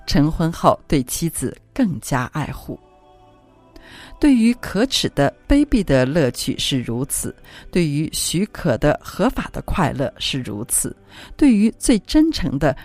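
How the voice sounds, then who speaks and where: A woman reading a religious classic aloud as an audiobook, with solemn, devotional and expressive phrasing. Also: sits low, no room sound. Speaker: audiobook reader. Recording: dry close recording with faint music.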